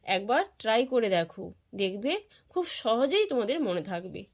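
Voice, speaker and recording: A woman's voice: a little high, big pitch swings, moderate pace. A woman teacher, patiently drilling children through spellings one syllable at a time.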